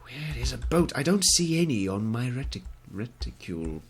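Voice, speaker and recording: With a medium-pitched voice that swings widely in pitch, a young man with a cold talks at normal speed in his let's play commentary. He sounds congested, uses a wry, put-on gentlemanly posh accent, and records through a headset with slight background noise.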